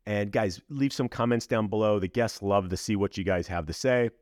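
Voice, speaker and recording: A man's voice: on the low side, normal speed, darkish tone, no echo, clean studio sound. A man hosting a podcast, delivering upbeat, hyped introductions and interview questions. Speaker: podcast host.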